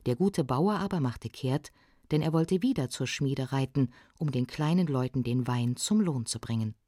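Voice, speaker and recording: A woman reading a folk legend aloud in an expressive storytelling voice. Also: extremely low pitch, normal speed, no room sound, studio quality. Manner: expressive, shifts voice for the characters.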